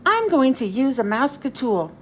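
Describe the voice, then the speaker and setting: Woman playing eager high-pitched Mickey Mouse. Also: very animated, normal speed, a little hiss or hum. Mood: confident. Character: cheerful, eager male cartoon mouse space captain. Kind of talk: children's storybook read-aloud.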